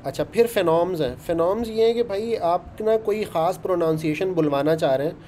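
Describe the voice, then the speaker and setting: Guy explaining code, chatty, mellow tone, bit of background noise. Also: high-pitched, brisk. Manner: chatty, explains step by step with frequent "ṭhīk hai". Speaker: programming instructor. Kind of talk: casual coding lesson.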